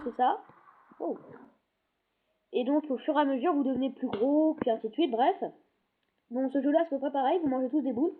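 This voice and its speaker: A woman giving casual gameplay commentary, rambling and often cutting herself off mid-sentence. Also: sits high. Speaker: gaming video host. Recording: tinny phone-like lo-fi recording.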